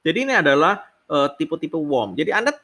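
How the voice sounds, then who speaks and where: A man lectures on leadership in a somewhat high, bright, sharp voice. He keeps adding tag words, poses rhetorical questions, and mixes in English terms. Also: very animated, quick pace.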